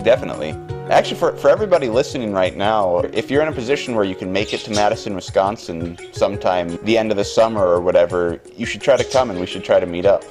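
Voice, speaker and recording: A man's voice: fairly low pitch, fast talker, over music. A man hosting a podcast, chatting casually and explaining things at length, often restarting his words. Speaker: podcast host. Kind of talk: casual chat.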